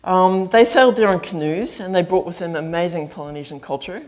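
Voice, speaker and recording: In a campus auditorium, a middle-aged woman with a New Zealand accent, a flute professor appearing as guest speaker, gives a chatty, self-deprecating lecture with frequent ums. Her voice is fairly low and fairly quick.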